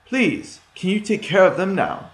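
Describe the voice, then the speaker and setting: A man voicing a timid father, pleading in a soft, gentle way. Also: high voice, big pitch swings, measured pace, voice pushed up, full character voice. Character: timid, loving father under his wife's thumb. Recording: echoey room.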